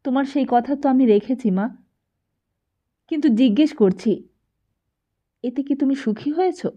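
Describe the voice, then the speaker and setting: Earnest young son pleading with his mom, a woman reading him, slow, lo-fi sound. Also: high voice, mellow, pitched above the performer's own voice. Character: earnest young man questioning his mother. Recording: dull lo-fi recording.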